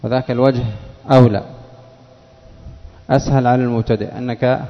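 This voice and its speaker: A male teacher giving a classroom lesson, patiently asking questions and repeating words slowly for his students. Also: medium pitch, fairly even intonation. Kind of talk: classroom lesson on Arabic spelling. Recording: dull lo-fi recording, long reverb of a hall.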